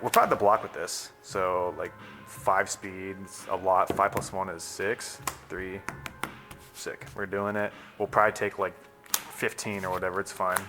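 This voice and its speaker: Young man casually demoing a card game. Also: on the low side. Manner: casual, laughing, filler-heavy, swears. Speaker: card game deck reviewer. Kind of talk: casual gameplay demo.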